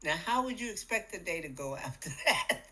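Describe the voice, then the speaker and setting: A middle-aged woman hosting a spiritual podcast, talking in a casual, animated way, acting out little voices and laughing often. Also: lowish voice, brisk, low-quality recording. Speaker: podcast host.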